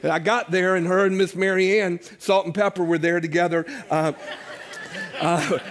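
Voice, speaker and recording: Older man, pastor's sermon, high voice, chatty and joking with the congregation. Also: fairly even intonation, normal speed. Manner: conversational, jokes with the congregation. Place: church sanctuary.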